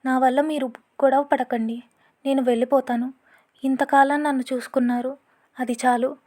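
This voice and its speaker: A woman's voice: high voice, fairly even intonation, normal speed, warm tone, close to an everyday voice. A woman voicing a grieving young widow who speaks with restrained sorrow in an audio story. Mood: sorrowful.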